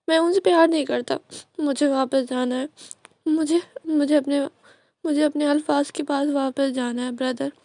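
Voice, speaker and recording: A woman's voice: high-pitched, vocal fry, dark tone, dry recording. Woman doing a tearful pleading young man. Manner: pleading, repeating words.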